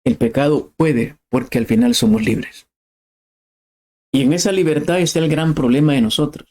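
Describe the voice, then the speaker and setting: A man's voice: fairly high pitch, moderate pace, dark tone. A middle-aged man preaching a sermon, impassioned and emphatic, rising to cries.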